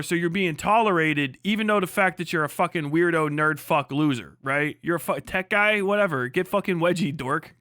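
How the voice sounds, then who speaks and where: On a livestream, a man who may be middle-aged rants casually, brash, mocking, profane and emphatic. His voice sits high with a sharp tone, recorded in studio quality with no echo.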